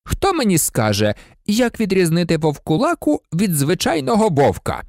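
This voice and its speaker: An audiobook reader voicing a cold, sneering male professor with a slow, silky, menacing delivery. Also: mid-range voice, wildly swooping pitch, darkish tone, dry recording, clean studio sound, voice pushed up. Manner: icy, contemptuous.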